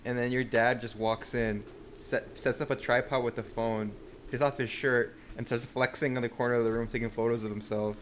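A man's voice: medium pitch, flat delivery, normal speed, background noise. Young man teasing his friends. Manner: teasing, loose and blunt. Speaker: podcast co-host. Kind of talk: casual chat.

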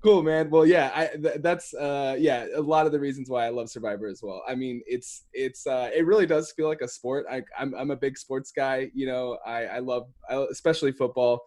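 Male podcast host, medium pitch, informal sports-fan chat style, halting and self-correcting delivery. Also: steady tone, darkish tone. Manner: halting, rambling, laid-back phrasing full of hedges and self-corrections.

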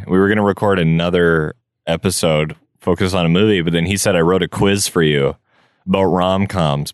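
Man, low voice, casual chat, podcast co-host, backyard outdoors, dry sound. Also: smooth, no room sound.

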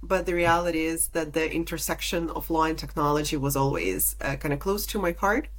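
A woman from Lithuania in her thirties, a podcast guest answering interview questions in a measured, articulate way. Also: low voice, low-quality recording. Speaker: podcast guest, data protection officer.

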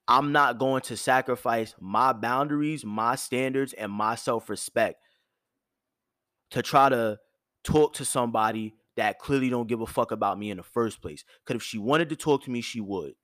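A man hosting his own show, giving blunt, profane dating advice in a firm yet soft tone, with features. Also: medium pitch, unhurried, no room sound, clean studio sound. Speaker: host. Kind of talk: direct advice monologue.

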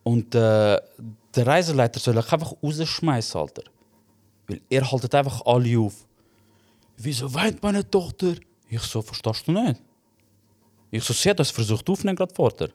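A man's voice: medium pitch, normal speed. A young man with a Swiss German accent, telling a story in a casual podcast chat and acting out the quoted voices. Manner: animated storyteller, acts out quoted dialogue. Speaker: podcast co-host.

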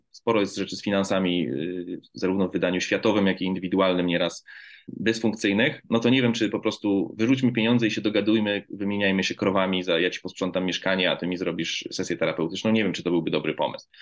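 A man hosting an interview, talking in a loose, chatty way and telling stories with frequent restarts. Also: on the low side. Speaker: podcast host. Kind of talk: conversational interview.

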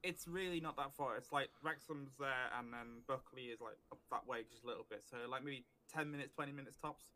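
Male North Welsh podcast guest, relaxed and chatty. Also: medium pitch. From North Wales. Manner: relaxed, easygoing, quick to laugh. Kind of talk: casual interview chat.

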